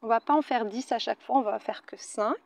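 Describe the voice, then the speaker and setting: Brief: female Pilates instructor, high voice, close dry mic, soft whispered counts. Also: a little fast, dry recording. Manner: calm counting cues, breathy whispered counts. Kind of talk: guided workout instruction. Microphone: mic very close to the face.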